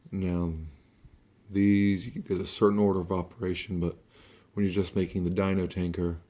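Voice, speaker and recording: A man who sounds under the weather, giving a casual, halting, offhand hands-on toy review and talking through each step. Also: sits low, warm tone. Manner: offhand, halting, mildly sweary.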